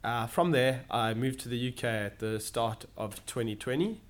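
A young man from Zimbabwe, answering interview questions in a steady, explanatory way, pausing to find his words, in an office. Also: medium pitch. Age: young adult. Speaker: guest, solar sales manager. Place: office in London.

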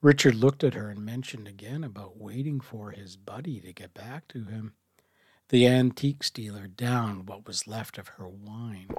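A man narrating a story in a soft, hushed voice that often drops to a whisper, with faint music behind him. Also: lowish voice, dry recording. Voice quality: slow, hushed, breathy whisper at times.

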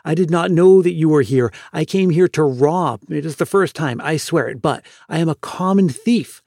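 A broken young thief confessing to his mother, halting and anguished, voiced by a male narrator. The sound is dry and close, a little high. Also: a little mellow, no room sound. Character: ashamed grown son, a broken young thief.

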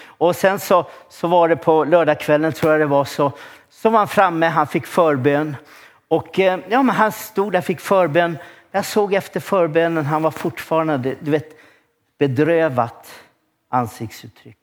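A male pastor giving a church sermon, telling stories with lots of restarts and bursts of excitement. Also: fairly high pitch. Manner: lively storytelling with frequent restarts and rising excitement.

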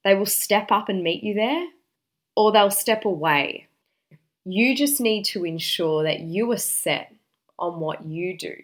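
A woman's voice: medium pitch, a little slow. A woman giving relationship advice in a confident, direct and emphatic way, like a dating coach talking to her audience.

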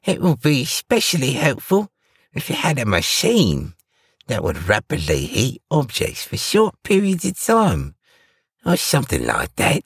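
A man's voice: mid-range voice, huge pitch swings, unhurried, gravelly, husky, dry recording, voice pushed up, exaggerated voice. A man voicing a jolly, helpful village baker who laughs while he explains things, in a dry close recording. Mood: cheerful.

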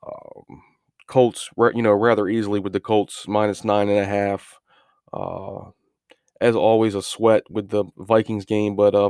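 A man hosting an informal solo sports betting recap, speaking haltingly with many filler words and often repeating words as he restarts phrases. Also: on the low side, a little mellow, clear, resonant tone, no echo, clean studio sound. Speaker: sports betting podcast host.

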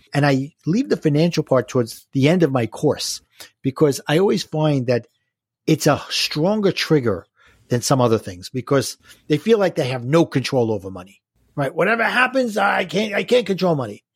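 A man's voice: fairly high pitch, lively intonation, moderate pace, creaky, husky, no echo, clean studio sound. A man with a Brooklyn accent talking as a life coach in an interview, explaining step by step with rhetorical questions. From Brooklyn, New York.

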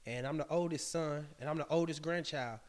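A fast-talking Texan man telling stories. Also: a little high. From Texas. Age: 30s. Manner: animated, storytelling, leans on "you know what I mean". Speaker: track coach and former athlete. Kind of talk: podcast interview.

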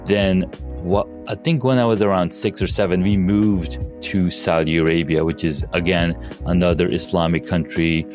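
A man's voice: low voice, fairly even intonation, moderate pace, darkish tone, soft background music. A man from Pakistan, a podcast guest, talking casually with many fillers and restarts. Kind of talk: casual interview talk.

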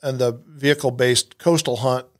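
A man hosts a casual hunting podcast in a mid-pitched voice. He rambles, restarts his sentences and leans on fillers as he talks. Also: steady tone, moderate pace. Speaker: podcast host and hunting outfitter.

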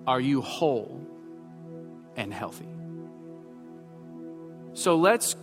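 A man's voice: medium pitch, big pitch swings, drawn-out words. A pastor in his thirties preaching a sermon, mixing self-mocking humor with emphatic points. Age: 30s. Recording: long hall reverb with faint music.

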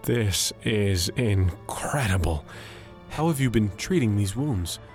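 An actor playing a skeptical, proud doctor in an audio drama, with a brisk, authoritative delivery. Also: male voice, fairly low pitch, expressive. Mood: baffled. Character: skeptical, proud male doctor, irreligious, increasingly baffled. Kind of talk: dramatized audio story acting. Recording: loud music under the voice.

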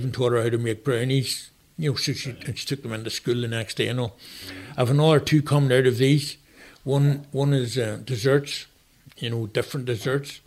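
Man, 60s, Northern Irish accent, anecdotal storyteller, interview guest, medium pitch. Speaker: guest author and retired chef. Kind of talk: casual interview chat.

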